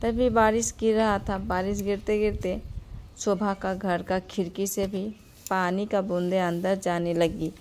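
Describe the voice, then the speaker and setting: A woman's voice: medium pitch, flat delivery, measured pace, darkish tone, a little hiss or hum. Woman narrating a homely cartoon story.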